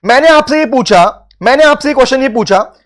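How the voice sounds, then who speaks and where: A man's voice: extremely high pitch, expressive, fairly quick, a bit bright. A man teaching a live online law class, teasing and calling on students by name, repeating phrases for emphasis.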